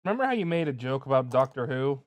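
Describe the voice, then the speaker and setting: A man's voice: medium pitch, sing-song, fast talker, dry recording. A man playing a tabletop game, joking with the table and swearing freely. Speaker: player. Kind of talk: casual tabletop banter.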